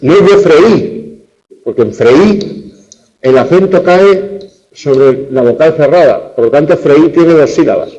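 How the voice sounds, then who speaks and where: A man's voice: fairly high pitch, measured pace, warm tone, dull audio. A man teaching a university lecture on spelling and accent marks, stretching out example words syllable by syllable. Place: classroom, lecture streamed online.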